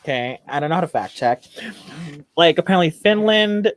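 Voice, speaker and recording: Gushing, animated drag queen host. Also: fairly high pitch, normal speed, no room sound. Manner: chatty, gushing, laughs often. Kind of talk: casual chat on a live show.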